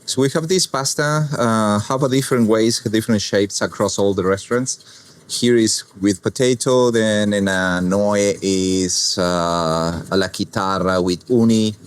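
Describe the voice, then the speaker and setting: A man from Argentina speaking English with an Argentine Spanish accent, calmly talking a viewer through a cooking demonstration. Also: on the low side, clear, resonant tone. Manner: unhurried, plain non-native English with calm explaining. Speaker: chef.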